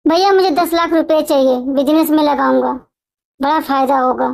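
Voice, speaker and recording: A smug, scheming young man, as a woman storyteller puts him on, talking down to his elder brother in a storybook tale. The voice sits high, and his manner is dismissive. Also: fairly even intonation, normal speed, creaky, darkish tone. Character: cocky scheming young man, later broken.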